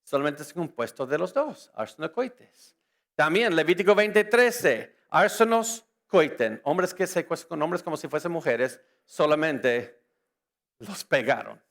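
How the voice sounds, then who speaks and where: Rhetorical questions fly at the church crowd as this native English-speaking man gives a lively, joking apologetics lecture. The conference speaker's voice is a little high, and his pace is moderate.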